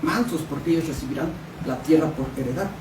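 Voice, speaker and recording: A man's voice: on the high side, fast. A man preaching in a church, reading scripture and asking the congregation questions. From Mexico. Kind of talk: Bible study sermon. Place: church hall. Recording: echoey room, distant mic, background noise.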